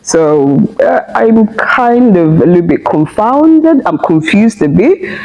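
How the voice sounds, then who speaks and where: A young woman, a guest in a casual discussion, talking thoughtfully with pauses and fillers. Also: mid-range voice, big pitch swings, a little mellow, lo-fi sound. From Nigeria. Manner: thoughtful, hesitant, many fillers.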